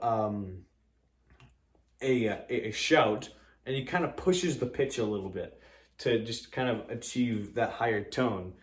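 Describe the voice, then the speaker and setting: A man gives a casual tutorial in a mid-pitched voice. His delivery is informal and halting, with a modest, self-deprecating way of explaining, and the room echoes noticeably around him. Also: a little mellow. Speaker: amateur vocalist and drummer giving a tutorial. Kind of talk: casual explanatory vlog chat.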